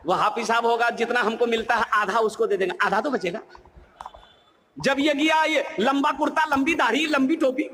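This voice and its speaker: A man's voice: very high-pitched, a little hiss or hum. A man preaching, telling a humorous story in a sermon and acting out the voices of its people. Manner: animated, acts out voices, shouts at times.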